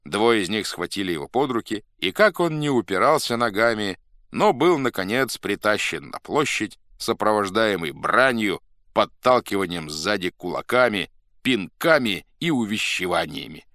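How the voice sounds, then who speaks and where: A man narrating a classic story in an expressive, theatrical reading. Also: fairly low pitch, normal speed, no room sound, studio quality. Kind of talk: scripted audiobook narration.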